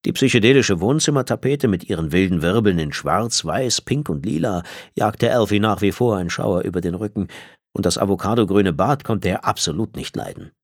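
A man reading an audiobook in measured, expressive scripted narration. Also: on the low side.

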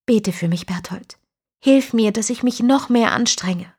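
A woman's voice: on the high side, unhurried, a little mellow, breathy edge, pitched above the performer's own voice. A woman voicing a defiant, devout young woman in an audiobook, speaking earnestly and intensely. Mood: tender. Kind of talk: audiobook character reading.

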